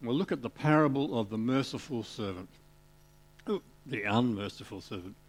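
A man preaching a sermon, retelling a parable with animated storytelling and little voiced parts for the characters. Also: medium pitch, normal speed.

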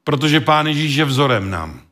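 A man preaching a sermon and reading from the Bible, with a measured, halting delivery full of pauses and hesitations, and an occasional cough. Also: medium pitch, sing-song, bright, forceful tone.

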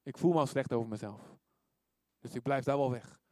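A man preaching a sermon in a lively way, often calling out amen and asking his listeners to agree. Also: mid-range voice, a little fast, dry recording, clean studio sound. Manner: lively, often asks "ja toch?" and calls "amen".

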